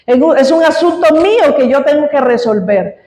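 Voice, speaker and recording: A woman's voice: high-pitched, animated, normal speed, darkish tone, echoey room, low-quality recording. A woman preacher giving a sermon in an easygoing, conversational teaching manner, often checking in with the congregation. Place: church hall.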